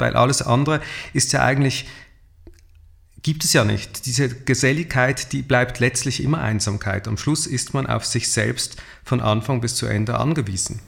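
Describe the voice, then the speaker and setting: A man's voice: medium pitch, vocal fry, fairly bright tone. A man interviewing a guest in a reflective, philosophical conversation, formally summarizing and posing questions.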